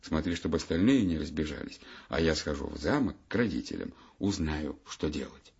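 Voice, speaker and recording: A man's voice: very deep voice, animated, fairly quick, gravelly, a little mellow, slightly rough, voice pushed down, exaggerated voice. A man voicing a bossy, grumbling young boy in a children's fairy tale. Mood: scolding. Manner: scolding, grumbling. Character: young boy Fifth Hour, bossy and grumpy. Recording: dull lo-fi audiobook recording.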